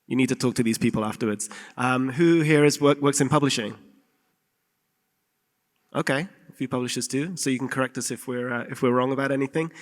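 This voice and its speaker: A man's voice: mid-range voice, a little fast. A man moderating a game industry conference panel in a casual, upbeat way. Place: conference hall. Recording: reverberant conference hall.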